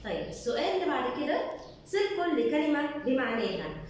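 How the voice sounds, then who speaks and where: A woman teacher with an Egyptian Arabic accent, slowly and patiently explaining a primary school lesson. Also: high voice, big pitch swings. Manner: slow, patient explaining, drawing out words. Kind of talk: recorded classroom lesson. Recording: echoey room, distant mic, faint noise.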